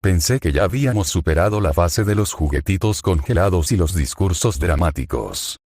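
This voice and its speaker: Venomous, bored villain, read by a man; deep voice, dry sound. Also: expressive, moderate pace, a little mellow, slightly rough, no echo, heavily acted. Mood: scornful. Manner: sweetly poisonous, weary disdain. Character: bored, venomous male villain who mocks.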